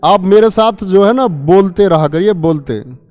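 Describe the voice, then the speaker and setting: A man's voice: high-pitched, lively intonation, measured pace, a little mellow, long reverb tail. A man teaching a Hindi grammar lesson, quizzing his students with repeated questions and stretching out sounds to demonstrate them. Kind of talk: online exam-prep lesson.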